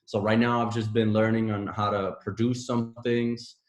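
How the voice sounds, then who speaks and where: A man's voice: on the low side, level tone, normal speed, echoey room. A man from Puerto Rico whose first language is Spanish, a podcast guest talking casually with many fillers and restarts. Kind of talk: casual conversation.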